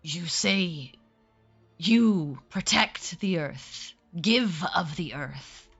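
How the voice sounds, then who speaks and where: A woman voicing a wary, territorial wolf in a tabletop game, speaking solemnly in short, slow, growling phrases. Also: lowish voice, animated, gravelly, fairly bright tone, slightly rough, highs cut off, soft background music, full character voice. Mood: stern, challenging. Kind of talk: tabletop game role-play.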